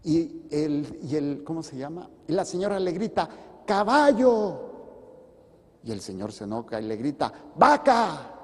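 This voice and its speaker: A man's voice: mid-range voice, warm tone, in a large hall. A man, a priest giving a conversational sermon with jokes and acted asides.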